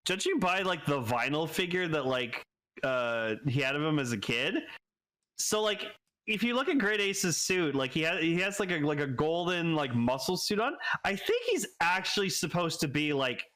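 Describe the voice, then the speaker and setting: A man co-hosting a podcast, chatting casually about a show in a halting way, peppered with "like". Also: on the high side, very animated, bright, forceful tone. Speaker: podcast co-host.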